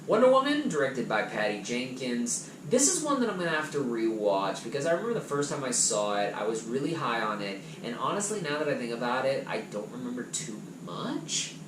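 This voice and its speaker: A man chatting casually and enthusiastically as he reviews movies from his collection on a vlog, his loudness swinging up and down. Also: medium pitch, very animated, brisk, few pauses. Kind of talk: casual chat. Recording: echoey room with background noise.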